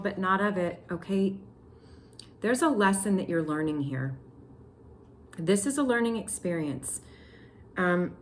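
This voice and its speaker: A young woman giving a tarot reading to her viewers, excitable and slangy, talking straight to them. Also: mid-range voice. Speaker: tarot reader. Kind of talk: casual tarot reading to camera.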